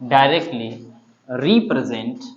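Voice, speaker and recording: A man teaching English grammar to a class, repeating each phrase slowly and often checking that students understand. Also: mid-range voice, lo-fi sound. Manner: slow, repetitive drilling, checking understanding. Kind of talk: classroom lesson. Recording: echoey classroom.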